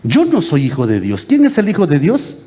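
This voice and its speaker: Man, Guatemalan Spanish accent, priest's homily, very animated pitch, fairly high voice, faint hum in the church. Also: normal speed. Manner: teasing, quizzes the congregation with repeated questions. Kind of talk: lively interactive homily.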